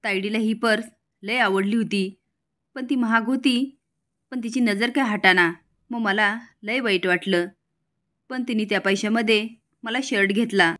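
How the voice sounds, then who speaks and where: A woman's voice: medium pitch, unhurried, fairly bright tone, close to an everyday voice. Earnest poor boy, simple speech, voiced by a woman. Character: poor young boy, devoted to his sister.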